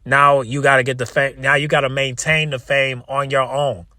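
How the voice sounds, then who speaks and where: Exasperated man ranting in a bright, forceful voice. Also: mid-range voice, level tone, no room sound, studio quality. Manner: exasperated, repetitive, halting restarts; swears freely. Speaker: wrestling commentary video creator. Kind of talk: casual opinionated rant to viewers.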